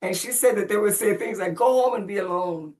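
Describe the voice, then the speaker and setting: This woman's voice is mid-range and somewhat dark, and she talks fairly quickly. Born on Saint Croix in the Caribbean and raised in Puerto Rico as a Spanish speaker, she tells her life story as a podcast guest in a conversational, expressive way.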